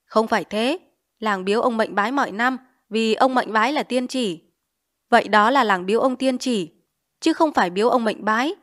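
A stubborn, learned village elder argues and cries out, as a woman reader puts him on. His voice rises fairly high and sharp. It comes from a narrated novel. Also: moderate pace, close to an everyday voice. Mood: stubborn arguing. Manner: argumentative, shrill when angry.

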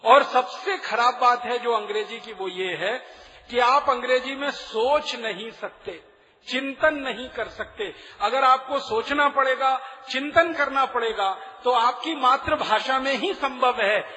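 A man lectures to an audience in a high, bright, forceful voice. He argues through rhetorical questions and spells words out. His voice rings with long reverb in a lecture hall. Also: measured pace. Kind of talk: public lecture.

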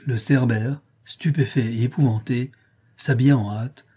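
A man narrating a story aloud in a measured, storytelling way. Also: mid-range voice, fairly even intonation, dark tone, breathy edge. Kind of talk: audiobook reading.

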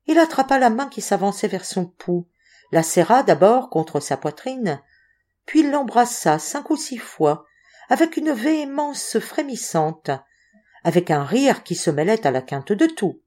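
Brief: female audiobook narrator, mellow, measured literary reading. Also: medium pitch, sing-song. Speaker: audiobook reader.

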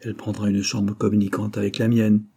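A man's voice: fairly low pitch, level tone, brisk, dark tone, slightly rough. A man reading an audiobook, voicing a conspiring baroness who speaks in a reassuring, confiding way.

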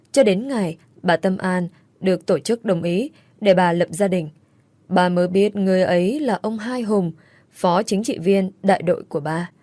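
A woman voicing an older father who speaks in a calm, measured, sorrowful way. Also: medium pitch, no room sound, close to an everyday voice.

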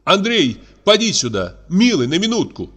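A man doing a sharp-tongued young sister. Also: high-pitched, sing-song, normal speed, slightly rough, voice pushed up, exaggerated voice. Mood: scornful. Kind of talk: audiobook play reading.

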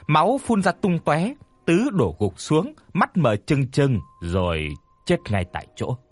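A man narrating a horror story in an expressive, gravely dramatic way. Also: a little high, unhurried, no room sound.

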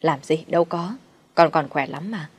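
A woman's voice: low-pitched, moderate pace, slightly rough. Woman voicing a harsh bossy mother-in-law. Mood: pleading. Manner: scolding, commanding. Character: harsh scheming middle-aged mother-in-law.

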